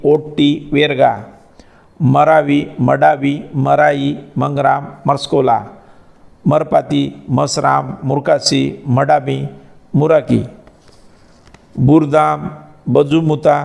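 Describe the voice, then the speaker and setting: A man slowly reciting a long list of names in a steady, monotone way. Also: on the high side, creaky.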